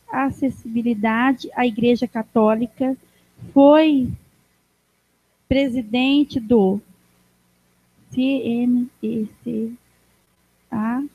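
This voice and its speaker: A woman with a Brazilian Portuguese accent reads a formal tribute aloud in a council chamber, stumbling and restarting words as she goes. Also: no room sound. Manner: halting, restarts words while reading. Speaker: council member giving a tribute. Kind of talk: slow formal reading of a tribute. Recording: dry, dull low-fi sound.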